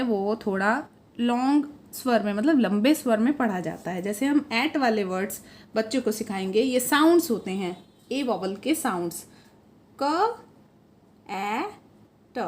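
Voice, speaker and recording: Slow, patient woman teaching phonics. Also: fairly high pitch. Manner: slow, patient, sounds letters out one by one; corrects own slips mid-sentence. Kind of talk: phonics lesson for children.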